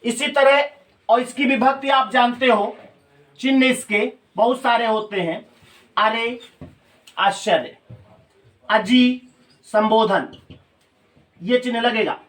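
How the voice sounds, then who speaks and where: A male teacher with a very high, slightly bright voice delivers a grammar lecture slowly, leaving long pauses. He explains things step by step and puts questions to his students, sounding distant from the microphone.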